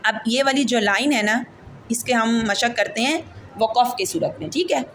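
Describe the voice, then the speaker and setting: A woman with a Pakistani Urdu accent leads an online Quran reading lesson in a fairly high voice. She drills letters and vowel marks one by one and keeps quizzing her pupils, patient and repetitive. A faint hiss sits under the recording. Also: fairly bright tone. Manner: patient, repeats and asks the class questions. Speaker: Quran recitation teacher.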